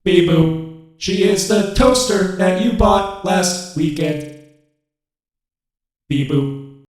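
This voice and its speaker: A man voicing a stiff, formal male robot sidekick in a monotone robot voice that says beep boop. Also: high-pitched, extremely slow. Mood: lovestruck. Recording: echoey, loud music behind.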